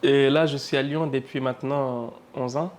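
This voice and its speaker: For a documentary interview, a Senegalese cook and business owner in his twenties chats about launching a food business. His mid-range voice stays fairly even at a normal pace, loose and packed with fillers, over a faint hiss or hum.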